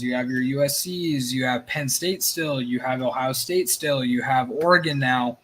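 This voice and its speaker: Rambling, excitable male host for casual live sports chat. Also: medium pitch, slightly rough. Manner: rambling, excitable, swears, nervous energy.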